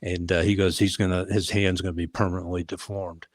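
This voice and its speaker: Older man, low voice, dry close podcast sound, rambling storyteller with uh fillers. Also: brisk, dry recording. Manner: animated storyteller with frequent uh fillers and restarts. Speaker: retired police leader, podcast guest. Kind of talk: conversational storytelling.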